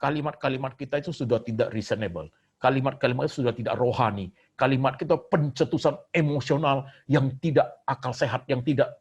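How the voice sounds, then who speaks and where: Husky older man preaching with loud swings. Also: brisk. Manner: swings between loud emphatic exhortation and soft, low asides; mixes English phrases into his preaching. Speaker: pastor. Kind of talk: sermon.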